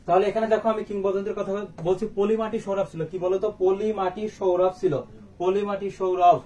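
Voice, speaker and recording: A man's voice: sits high, little pitch movement, a little fast, warm tone. A man teaching a live online exam-prep class, asking questions and then answering them himself. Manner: quizzing, rhetorical questions and answers. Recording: faint background noise, slightly distant mic.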